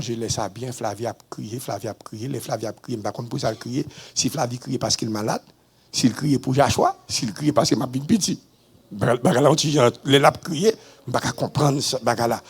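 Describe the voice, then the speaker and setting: A man with a Haitian accent, a pastor giving a testimony in a sermon, swinging between low murmurs and sudden high shouts. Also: husky.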